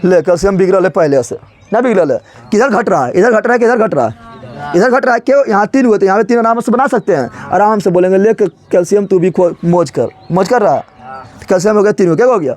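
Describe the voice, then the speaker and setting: A man's voice: sits high, lively intonation, fast, darkish tone. A male teacher teaching a chemistry lesson playfully, often asking a question and answering it himself.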